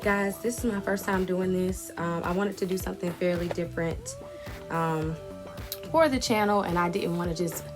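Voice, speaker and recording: Woman vlogger, lowish voice, casual and chatty with mouthfuls of food, music bed underneath. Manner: chatty, self-conscious, talks between bites. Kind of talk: casual chat while eating.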